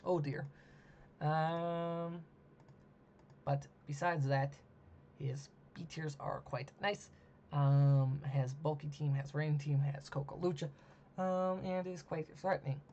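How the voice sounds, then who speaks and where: Hoarse young man rambling with ums. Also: fairly high pitch, fairly even intonation, takes it slowly, darkish tone. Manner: casual, many ums and uhs, thinking aloud. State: losing his voice, clearing his throat. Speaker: host. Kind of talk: solo monologue ranking teams. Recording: dull lo-fi mic with faint hiss.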